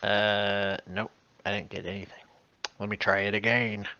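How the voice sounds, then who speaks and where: A man chats through a tabletop game over a call, laughing often and muttering his rolls under his breath. His voice is low and gravelly, with a bright edge. The pitch swings widely, and the sound is slightly dull. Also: little pitch movement, moderate pace, dry recording. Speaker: player.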